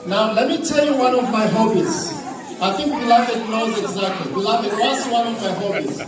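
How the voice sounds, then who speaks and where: A man's voice: high-pitched, moderate pace. A Zambian man in his forties gives a chatty, humorous talk to an audience in a large indoor hall, using a handheld mic and leading call-and-response. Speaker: guest speaker. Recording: echoey hall from far off with crowd and noise.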